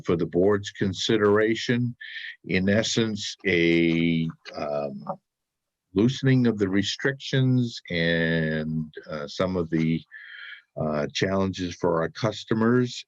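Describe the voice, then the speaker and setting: A deep male voice, stuffed up in the nose, explains policy at a public meeting in halting phrases, searching for words. The sound is close and dry, slightly dull in the recording. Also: no echo. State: stuffy, congested blocked nose. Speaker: town administrator presenting to a board. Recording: dull, muffled meeting audio.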